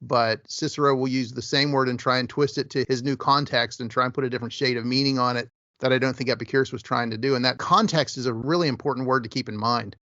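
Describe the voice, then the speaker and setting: A man in a casual podcast discussion who talks through ideas thoughtfully, circling back and qualifying as he goes. His voice sits at an ordinary pitch and comes through dry and slightly muffled, as if over a remote call. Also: fairly even intonation, fast, pushed and bright, dry recording. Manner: thoughtful, explanatory, with verbal hedges. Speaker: podcast co-host.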